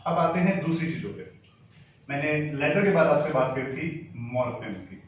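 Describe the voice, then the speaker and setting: A man teaching English grammar in a lesson, explaining step by step and spelling out letters and words slowly. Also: a little high, lively intonation, highs cut off, a little hiss or hum. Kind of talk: classroom-style grammar lesson. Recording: very echoey room, voice from far off the mic.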